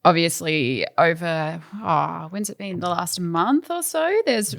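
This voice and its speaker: A woman's voice: on the low side, lively intonation, takes it slowly, creaky, no echo, clean studio sound. A woman hosting a podcast in casual chat, upbeat and steering the talk to the next topic. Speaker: podcast host.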